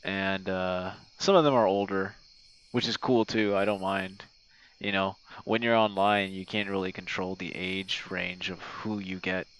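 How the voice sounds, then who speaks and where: An online audio creator and game streamer rambles casually, like a voice message to a friend, hesitant and meandering, with easy swearing. His low-pitched voice is steady, a little slow, a bit bright and smooth. The low-quality recording is outdoors at night, with crickets and insect sounds.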